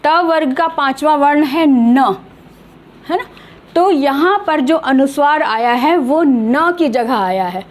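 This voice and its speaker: High voiced middle aged lady teacher, slow and patient, stretches out example words. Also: animated. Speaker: Hindi grammar teacher. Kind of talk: online grammar lesson.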